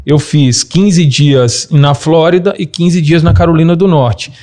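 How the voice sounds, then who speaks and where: Lively mineiro man giving travel tips. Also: measured pace. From Minas Gerais, Brazil. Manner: animated, gives practical tips with lively pitch swings. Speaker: podcast guest, travel advisor. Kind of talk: casual conversational interview.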